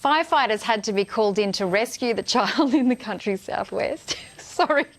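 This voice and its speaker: A woman's voice: medium pitch, moderate pace. A woman reading scripted news as an anchor, breaking into giggles as she reads.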